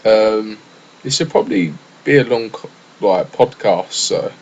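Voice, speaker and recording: Casual solo podcaster: young English man, lowish voice, loose, rambling delivery with lots of fillers. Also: darkish tone, slightly rough, rough recording. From England. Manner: rambling, chatty, with frequent fillers and restarts. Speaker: gaming podcaster.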